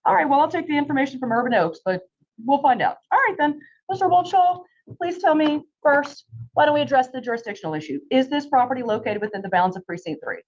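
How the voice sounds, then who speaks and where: A woman presiding as a judge at a hearing, brisk and authoritative, heard over a video conference call. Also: sits high, animated. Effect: video conference call audio. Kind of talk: formal court hearing. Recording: dull, muffled call audio.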